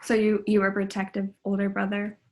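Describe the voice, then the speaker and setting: A woman's voice: medium pitch, monotone, a little fast. A young woman running a student clinical interview, friendly and tentative, with frequent ums.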